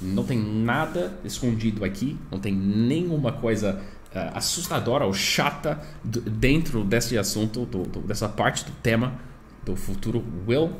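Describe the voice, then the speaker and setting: Male English teacher, native speaker, lively intonation with a faint hum behind him; patient explainer who repeats and models sounds. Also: fairly low pitch. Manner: patient, repeats words and models pronunciation slowly. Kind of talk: explaining grammar to learners.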